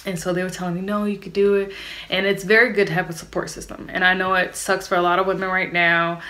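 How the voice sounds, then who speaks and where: A woman's voice: on the low side, level tone, fast, pushed and bright. A young woman telling a personal story to her viewers in a candid, chatty way, talking straight to them. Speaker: vlogger. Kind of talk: storytime vlog.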